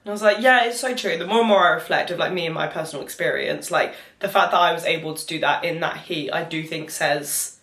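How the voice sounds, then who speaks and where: A young British woman talks casually to the camera in a low, steady, slightly bright voice, speaking fast. As a vlogger recounting her experience, she's candid and rambling, often slipping "like" into her sentences. The room gives the recording an echo.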